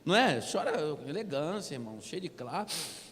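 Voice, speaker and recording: A Brazilian man tells his conversion story from the pulpit in a high, bright, forceful voice. His storytelling is lively and comic, and he keeps leaning in to the crowd with "brother." The sound rings with the long reverb of a church hall. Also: moderate pace. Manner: animated storytelling, keeps calling listeners "brother". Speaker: testimony speaker. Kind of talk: humorous church testimony.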